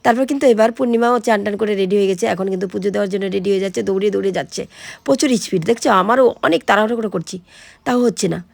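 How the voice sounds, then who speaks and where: A hoarse woman chatting to her viewers in a casual home vlog while she gets ready. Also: mid-range voice, rapid-fire, dry recording. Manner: chatty, addresses viewers directly. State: hoarse, sore throat. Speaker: vlogger.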